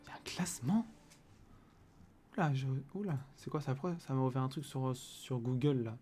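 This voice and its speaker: A man streaming himself playing a video game, excitable and swinging from loud exclamations to muttering. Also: mid-range voice, normal speed, faint music behind. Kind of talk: live gameplay commentary.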